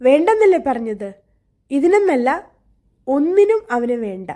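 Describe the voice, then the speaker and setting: A woman's voice: high voice, sing-song, unhurried, warm tone. A woman voicing an angry, hot-tempered young man who barks harsh orders in a storybook reading. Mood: curt refusal. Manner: harsh, commanding, barking orders.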